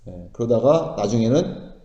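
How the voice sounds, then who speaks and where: Pastor preaching in an echoey church hall. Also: male voice, mid-range voice, expressive, moderate pace, mellow, lo-fi sound. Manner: asks the congregation questions and answers them himself, with frequent affirming "ye". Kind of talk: sermon. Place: church sanctuary.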